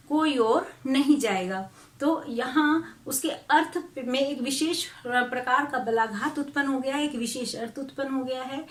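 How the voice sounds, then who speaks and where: High-voiced woman teaching Hindi grammar. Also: reverberant, far from the mic. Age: middle-aged. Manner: slow, careful explanation with examples and "a" fillers. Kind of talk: online grammar lecture.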